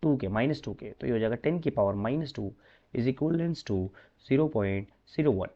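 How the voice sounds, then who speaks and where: A man's voice: mid-range voice, lively intonation, measured pace, dark tone, muffled recording. A man teaching a maths lesson in a chatty, coaxing way, often addressing students as brother.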